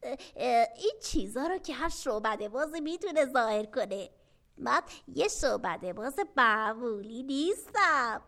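A woman's voice: sits high, sing-song, a bit bright. A woman voicing a showy, fussy talking magician's hat in a children's radio story, drawing out her words grandly. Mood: boastful. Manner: grand, drawn-out, theatrical.

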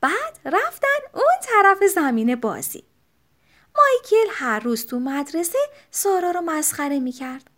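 A woman narrating a children's storybook with expressive, animated storytelling. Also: high-pitched. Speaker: audiobook narrator.

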